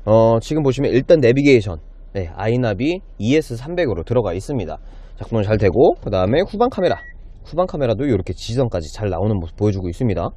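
A man's voice: on the low side, big pitch swings, quick pace, mellow. A man in his thirties presenting a car as a used car dealer, with polite, enthusiastic salesman patter in a casual walkaround style. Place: inside a car and in an underground car park.

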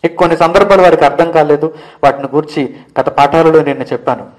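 A man's voice: a little high, fast talker, low-quality recording. A man teaching a Bible lesson, preaching with rising emphasis and firing off rhetorical questions. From India.

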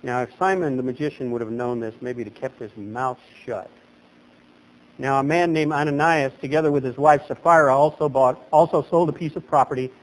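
A middle-aged pastor preaches a sermon at a lectern in a small chapel, gesturing animatedly as his voice jumps upward for emphasis. He speaks at a medium pitch and a fairly quick pace, and the recording is rough.

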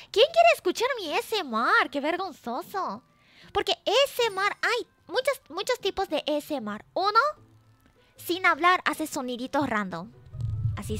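A woman's voice: high voice, pushed and bright, no echo. A woman streaming as a VTuber, chatting casually and playfully, teasing her chat and reading messages aloud.

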